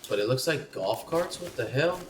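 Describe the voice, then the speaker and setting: A man's voice: medium pitch, lively intonation, moderate pace, far from the mic. A man streaming live gameplay commentary, who chats to his in-game companion and yelps and swears at sudden scares. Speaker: gaming streamer. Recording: echoey room, off-mic, noisy.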